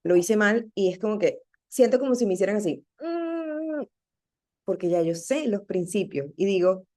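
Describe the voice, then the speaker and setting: Earnest woman teaching the faith, mellow tone. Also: mid-range voice, a little fast. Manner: earnest, animated, checks in with rhetorical questions. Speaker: women's ministry teacher. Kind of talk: conversational devotional teaching.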